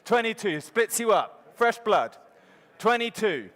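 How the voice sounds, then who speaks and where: A man's voice: sits high, very animated, a little slow, a bit bright. A man working as an auctioneer at a live sale, calling bids in a rhythmic, repetitive chant. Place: large sale arena. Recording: hall reverb from sale ring PA.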